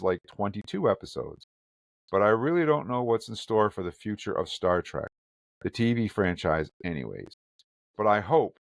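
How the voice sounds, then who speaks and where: With no room sound at all, this man's fairly low voice comes through clearly as he hosts a fan podcast. He keeps things chatty and reads news items aloud, quoting from the articles.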